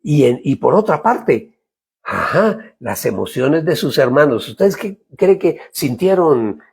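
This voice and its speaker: Man, pastor, sermon, rather high-pitched, very husky voice, unhurried delivery. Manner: slow, lively preaching with rhetorical questions and hesitations.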